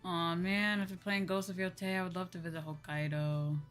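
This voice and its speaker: Brisk and flat, with a lowish, slightly bright voice, this American woman from the Midwest chats on a livestream as a VTuber. She answers viewer comments informally and repeats phrases for emphasis while music plays.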